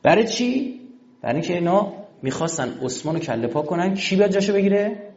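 A man telling religious history as a lively story, acting out each quoted exchange. His voice sits fairly high and swings widely in pitch. It comes through a dull, lo-fi recording. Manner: animated storyteller who acts out quoted dialogue. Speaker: religious lecturer.

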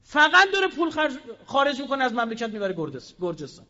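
A man giving a combative public speech, firing rhetorical questions and swinging between loud and quiet. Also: very high voice, huge pitch swings, big-room sound, highs cut off. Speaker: public speaker.

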